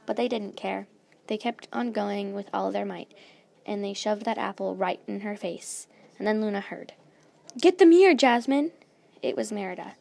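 A woman's voice: mid-range voice, level tone, normal speed, vocal fry, a little mellow. A woman reading her own fan story aloud in a plain, unpolished way. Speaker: story reader.

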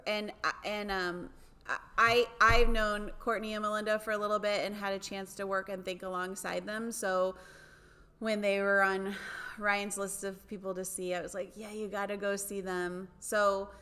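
A woman's voice: mid-range voice, flat delivery, moderate pace, sharp tone. Woman host in a reverberant hall. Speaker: podcast host. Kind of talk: casual chat. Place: conference venue.

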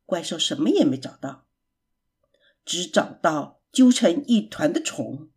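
A woman reading a children's story aloud in a gentle, expressive, unhurried way. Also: low-pitched, creaky, husky.

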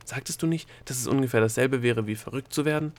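A man voicing a sharp-tongued, sarcastic young princess in an audiobook. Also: medium pitch, fast, natural voice. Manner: snappy, sarcastic. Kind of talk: audiobook character voice.

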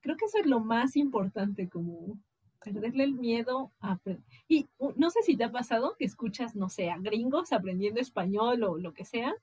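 High husky Mexican woman chatting. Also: normal speed, dry recording. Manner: animated, acts out quoted voices. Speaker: podcast guest. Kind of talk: casual podcast chat.

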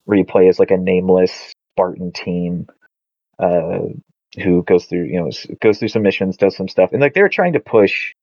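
A man with a deep voice talks about video games at a moderate pace as a podcast co-host on a video call, rambling casually with plenty of filler words. There's no echo, and the call audio is dull and lo-fi.

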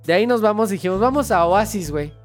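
A young man from Mexico with a Mexico City accent, telling a story in casual chat, slangy and animated, often laughing. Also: high-pitched, fast talker, soft background music. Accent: Mexico City Spanish.

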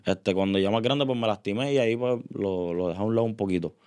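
Young Puerto Rican man, smooth low voice. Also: quick pace. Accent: Puerto Rican Spanish. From Puerto Rico. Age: 20s. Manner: relaxed, rambling, frequent fillers. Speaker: guest singer. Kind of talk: casual interview chat.

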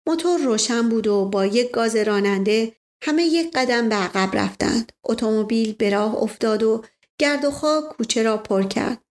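Brief: female audiobook narrator, steady storytelling, slightly high voice. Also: few pauses.

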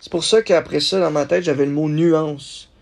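A man hosting a solo podcast, thinking aloud in a halting way with many restarts. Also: on the high side, fairly even intonation, creaky. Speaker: podcast host.

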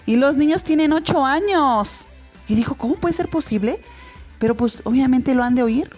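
A woman's voice: a little high, darkish tone, lo-fi sound. A woman with a Mexican accent hosting a radio show, talking casually and earnestly to parents, rambling with many fillers and restarts. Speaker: radio host. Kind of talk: casual radio monologue giving advice to parents. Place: radio studio.

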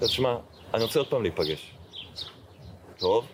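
Middle-aged man, rabbi guest telling his story, lively acted-out dialogue, noisy background. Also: on the low side. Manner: animated storyteller acting out dialogue, frequent fillers. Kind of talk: personal storytelling in an interview. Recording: noticeable background noise.

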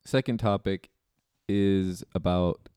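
A young man co-hosts a casual podcast, leading segments like an announcer and slipping in deadpan jokes. His voice sits fairly low and sounds dry and close. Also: slow, smooth, no echo. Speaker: podcast co-host.

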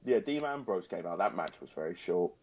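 A man's voice: sits low, expressive, a little fast, background noise. A man co-hosting a casual wrestling chat, rambling and repeating phrases for emphasis. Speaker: podcast co-host. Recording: dull, lo-fi audio.

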